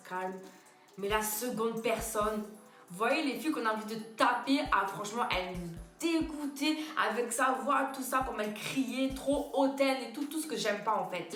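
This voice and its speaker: A young woman vlogger telling a story in a chatty, slangy way, bursting into loud, indignant quotes. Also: fairly high pitch, roomy sound. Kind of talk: casual storytime to camera.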